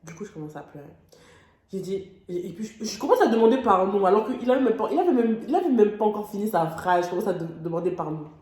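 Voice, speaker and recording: A woman's voice: mid-range voice, big pitch swings, fast, darkish tone. A young woman from France telling a personal story on her vlog, emotional and dramatic, with casual slang. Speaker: vlogger. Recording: echoey room.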